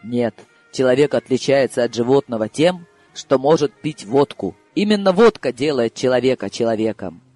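A man reading an audiobook voices an unhurried, ironic older man with a dry, gently mocking manner. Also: mid-range voice, expressive, no echo, soft background music, natural voice. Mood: calm, wry. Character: calm, ironic older man, fond drinker.

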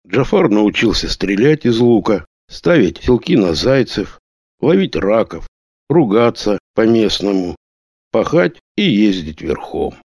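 A man reading a novel aloud as an audiobook, with a steady storytelling delivery. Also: on the low side, husky, no echo, clean studio sound. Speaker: audiobook narrator. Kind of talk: scripted narration.

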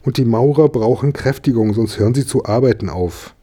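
Man reading as storybook woman customer, whiny, pleading, husky timbre. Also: medium pitch, a little fast, mellow, close to an everyday voice. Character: complaining woman customer, middle-aged.

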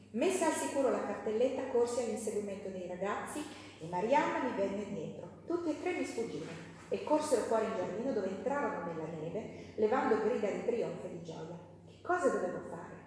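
A woman's voice: medium pitch, a little mellow. A woman teaching a live class, talking casually with fillers and self-corrections and reading passages from a novel aloud. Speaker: teacher leading a women's class. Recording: echoey hall, voice from far off.

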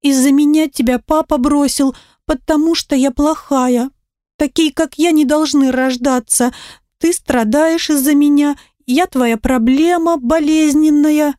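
A woman's voice: high voice, steady tone, unhurried, mellow, no room sound, clean studio sound, voice pushed up. A woman reading an audiobook, voicing a small girl who pleads in a trembling, tearful voice.

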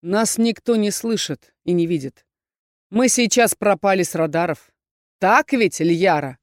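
A woman doing a cold, stern dark elf man. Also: medium pitch, measured pace, dry recording, studio quality, lightly acted. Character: cold suspicious male dark elf student.

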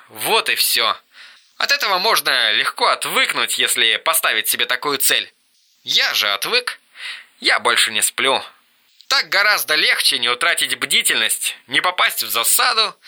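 A man voicing a hoarse, unhinged young brother. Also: on the high side, bright, forceful tone, heavily acted. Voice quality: hoarse, strangled. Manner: erratic, swings from muttering to screaming. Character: unhinged young man, volatile, ranting on the phone.

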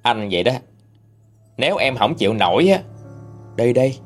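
A man's voice: mid-range voice, big pitch swings, moderate pace, faint music behind. A man voicing a domineering, callous young boyfriend who bullies and threatens. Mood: dismissive. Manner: bullying, threatening.

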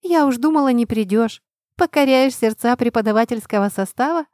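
A woman's voice: a little high, a little fast, darkish tone, dry recording, studio quality, pitched above the performer's own voice, lightly acted. A woman reading an audiobook, voicing a cheerful young female friend with a playful, teasing manner. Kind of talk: audiobook narration.

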